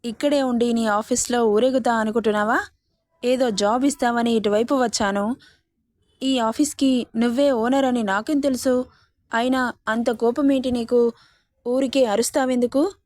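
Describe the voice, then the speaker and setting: A woman's voice: fairly high pitch, steady tone, moderate pace, a little mellow, no room sound, close to an everyday voice. A woman voicing a bold, cheeky young woman who teases and fakes tearful pleading. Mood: sassy. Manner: teasing and sassy, mock-tearful pleading.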